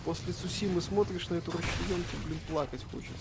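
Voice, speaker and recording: A man's voice: sits high, steady tone, fast talker, noisy background. A man hosting a live gaming stream, reading viewer questions aloud and answering in a dry, offhand way. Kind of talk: casual live stream chat. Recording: stream with background music. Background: music playing.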